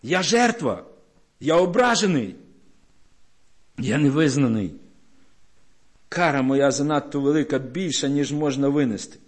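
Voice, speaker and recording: A man's voice: fairly high pitch, lively intonation, unhurried, long pauses. A man voicing the biblical Cain as a bitter, rebellious man crying out that he is a victim. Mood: aggrieved. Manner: aggrieved shouting complaints.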